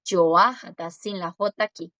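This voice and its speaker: A woman teaching a Korean lesson in Spanish, explaining step by step and repeating words slowly. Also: fairly low pitch, sharp tone, dry recording, dull audio. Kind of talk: one-on-one language lesson.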